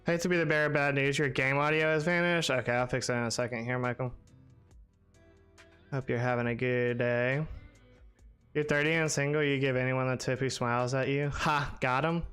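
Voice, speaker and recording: Smooth-voiced rambling male game streamer. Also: medium pitch, steady tone, brisk, fairly bright tone, soft background music. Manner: rambling, filler-heavy, answers chat by name. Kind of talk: casual live-stream chat.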